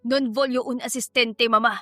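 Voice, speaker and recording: A woman voicing a bitter young man in a wheelchair, shouting at his parents in a storybook reading. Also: fairly high pitch, moderate pace, no room sound, faint music behind, close to an everyday voice. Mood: angry.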